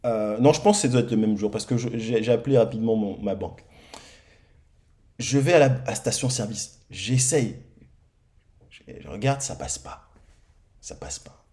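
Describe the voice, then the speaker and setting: A man preaching in church, telling his own testimony in a lively storytelling manner and acting out the dialogue. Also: on the low side, normal speed, pauses often. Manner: lively storytelling, acts out dialogue, many repeated starts. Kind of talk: sermon testimony. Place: church hall.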